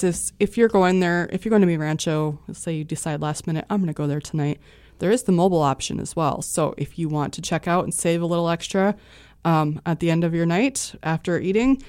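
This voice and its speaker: A woman's voice: fairly low pitch, a little mellow, dry recording. An American woman chatting casually as co-host of a shopping deals show. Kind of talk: casual co-hosted chat.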